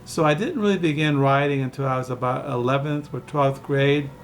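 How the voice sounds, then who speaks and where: A man's voice: mid-range voice, a little fast, slight background noise. A man in his sixties from California, rambling through a casual home vlog with many fillers and restarts, recorded in his dining room. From California, USA. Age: 60s. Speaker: book vlogger. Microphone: camera mic.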